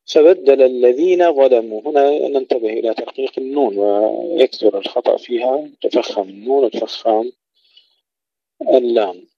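A man teaching Quran recitation rules. He recites verses slowly and drawn-out, then explains pronunciation quickly and corrects common mistakes. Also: medium pitch, vocal fry, slightly rough, no echo, highs cut off.

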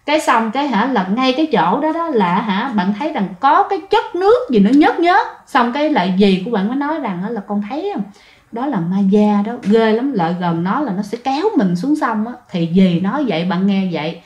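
A woman's voice: on the high side, big pitch swings, fairly quick, darkish tone, highs cut off. A woman telling a ghost story, chatting directly to her listeners. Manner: conversational, addresses listeners directly. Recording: roomy echoey recording.

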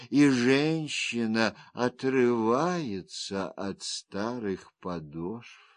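A man reading a sad, weary noblewoman in an audiobook, in a low, slow, tired murmur. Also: dry recording, clean studio sound.

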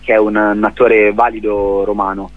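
Here an Italian man, a theatre director, gives an unprepared radio interview, pausing and repeating words while searching for what to say. His voice runs fairly low with an even tone, and it sounds like it came through a phone.

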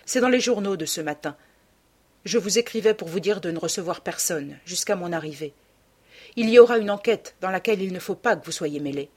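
A woman voicing a worldly, persuasive aristocratic gentleman in an audiobook, with a husky voice. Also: fairly low pitch, animated, fairly quick. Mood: urbane. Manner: suave, persuasive, lecturing. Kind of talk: audiobook character reading.

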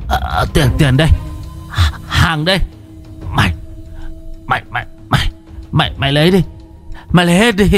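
A man voicing a cruel, cowardly male gang boss who cackles and stammers as he begs. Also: on the low side.

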